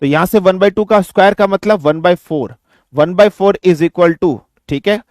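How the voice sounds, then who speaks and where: A man teaching physics in an online exam-prep lecture, mixing Hindi and English, asking and answering his own questions and slowing down to dictate definitions. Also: high-pitched, a little mellow, no room sound, studio quality. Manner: slows down to dictate definitions word by word.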